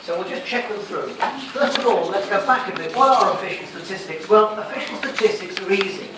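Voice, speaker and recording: A man with a high-pitched voice, speaking a little fast, is a sociology lecturer giving a classroom revision lecture. He explains things didactically and answers his own questions. He's recorded from a distance in a lecture room, so the audio is echoey and noisy.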